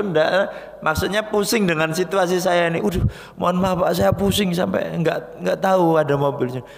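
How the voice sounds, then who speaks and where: Javanese guy preaching in a mosque, gravelly voice, long echo, animated storyteller. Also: mid-range voice. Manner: lively storyteller who acts out voices, mixes in Javanese phrases. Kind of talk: storytelling sermon. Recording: echoey mosque hall.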